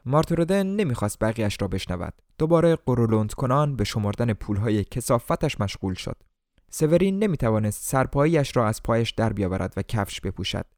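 A man from Iran reading a novel aloud as an audiobook, switching between formal narration and lively voices for the characters. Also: mid-range voice, no echo, studio quality. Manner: colloquial Tehran-style speech in dialogue, formal literary narration. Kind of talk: audiobook narration with acted dialogue.

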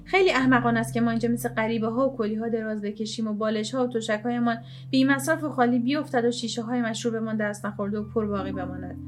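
A woman voicing a meek middle-aged man who speaks in a sighing, gently ironic way, in an audiobook reading. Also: a little high, steady tone, slight background noise, lightly acted. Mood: wistful. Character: mournful meek middle-aged man with a self-pitying sigh.

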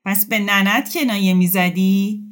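A woman voicing a coarse, bossy woman who mocks bluntly and slowly. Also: mid-range voice, pitched above the performer's own voice, lightly acted. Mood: mocking, bossy. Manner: blunt, mocking, slow and pointed.

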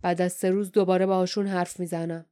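A woman's voice: on the low side, little pitch movement, warm tone, clear, resonant tone, close to an everyday voice. Woman voicing a cold stern rebel leader. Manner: hard, commanding.

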